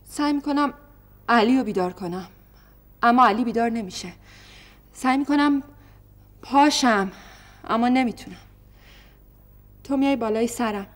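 A woman playing a high, frightened young wife. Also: close to an everyday voice. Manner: pleading, anxious. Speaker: daughter. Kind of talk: television stage drama.

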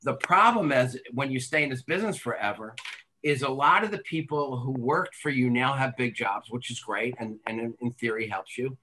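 A man's voice: mid-range voice, moderate pace, pushed and bright, rough recording. A man on a video call panel, speaking wryly with jokes. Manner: wry, joking.

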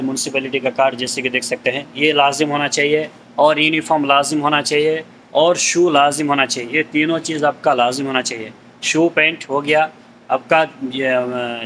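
A man talks viewers through his shop-floor job in a casual, chatty vlog, leaning on the same little fillers again and again. His voice sits a bit higher than most men's. A phone picks him up in the aisles, with faint store ambience underneath. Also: fairly bright tone, a little hiss or hum. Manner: chatty, frequent filler "theek hai" and "doston". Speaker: vlogger showing his supermarket job. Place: supermarket aisles, indoors.

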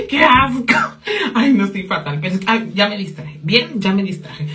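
A young woman vlogging a gossipy story casually, giggling, swearing freely and dropping in English phrases. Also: mid-range voice.

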